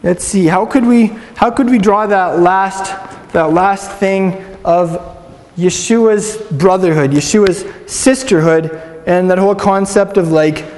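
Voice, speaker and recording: In a relaxed, upbeat Bible lesson, a man with a fairly high but darkish voice chats with his audience and has them echo words after him. The room gives his voice a long, ringing reverb.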